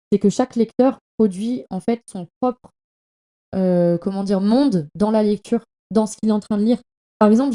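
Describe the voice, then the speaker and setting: A young woman with a medium-pitched, mellow voice hosts a podcast, chatting casually about reading. Her monologue is slangy, gushing and emphatic, and she often halts and trips over her words.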